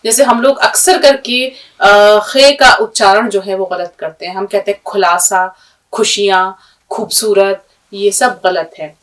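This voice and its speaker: A woman's voice: medium pitch, fairly even intonation, measured pace, few pauses, a bit bright, far from the mic. A woman teacher giving a patient script and pronunciation lesson, spelling out letters one by one and telling a fable to a student. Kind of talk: language lesson with a story.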